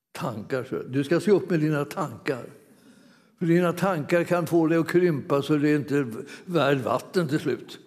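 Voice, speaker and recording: A man's voice: on the high side, darkish tone. A man preaching a sermon, telling a story in a chatty, laughing way with many restarts. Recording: hall reverb.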